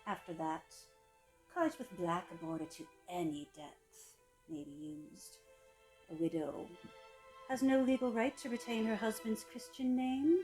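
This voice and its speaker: Female narrator, sultry and mellow, scripted book reading, soft phrase endings. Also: medium pitch, fairly even intonation, soft background music, low-quality recording. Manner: sultry, slow-savoring delivery with soft trailing phrase ends. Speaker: reader of a public-domain etiquette book.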